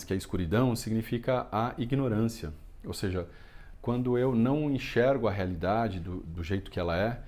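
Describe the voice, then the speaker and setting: A man teaching yoga and meditation, explaining a mantra in a relaxed way, often asking "né?" and chanting lines slowly. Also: fairly low pitch. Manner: relaxed, explanatory, constant filler "né?". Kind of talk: explanatory lesson on a Sanskrit mantra.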